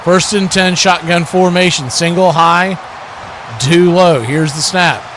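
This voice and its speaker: An American man with a high, steady voice calls live football for an online watch party stream without hurrying, giving each action a clipped short phrase. Background noise is clearly audible.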